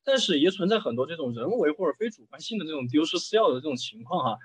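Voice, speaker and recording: Male host, conversational interviewer. Rapid delivery, slightly higher pitch, courteous and wordy, checking agreement as he goes. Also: very animated, breathy edge, no echo.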